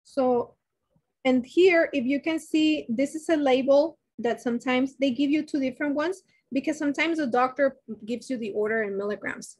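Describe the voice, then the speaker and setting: During a live online class, a woman nursing instructor talks her way through a dosage problem, breaking off and restarting sentences and asking her students questions. She has a high-pitched, darkish voice at a moderate pace, and her webcam sits beside shared slides in an indoor setting.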